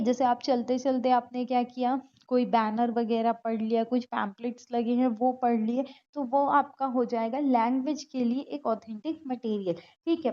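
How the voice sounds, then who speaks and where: A woman teaching an exam-prep lesson, explaining each answer step by step and reading the English options out slowly. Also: a little high, muffled recording.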